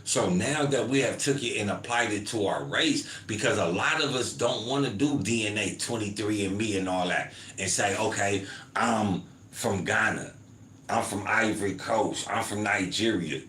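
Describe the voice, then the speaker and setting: A man hosting a podcast in a loose, conversational way, often checking in with "you feel me" and "man". His voice sits on the low side. The room around him sounds roomy, with a faint hum of ambience underneath. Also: a bit bright. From United States. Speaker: podcast host. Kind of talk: casual podcast commentary, reading chat comments.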